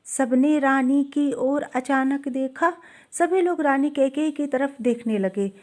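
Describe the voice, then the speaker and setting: A woman teaching poetry, reciting verses slowly and measured, then explaining each line plainly. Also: sits high, a little mellow. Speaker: literature teacher.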